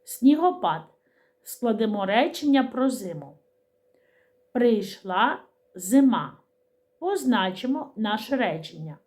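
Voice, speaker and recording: A middle-aged woman teaching a preschool literacy lesson, speaking slowly and clearly in a sing-song way to small children. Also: on the high side, big pitch swings, darkish tone.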